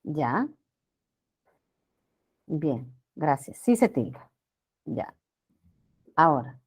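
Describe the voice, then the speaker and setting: A woman teacher giving a grammar lesson to students, often checking in with them and drawing out words slowly for emphasis. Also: low voice, sing-song, husky. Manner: addresses students with frequent checking questions.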